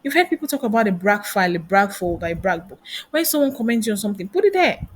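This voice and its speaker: A woman's voice: medium pitch, sing-song, fast talker. A woman giving a motivational career lesson, firing off rhetorical questions. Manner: asks many rhetorical questions. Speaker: career coach and trainer. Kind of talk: motivational teaching talk.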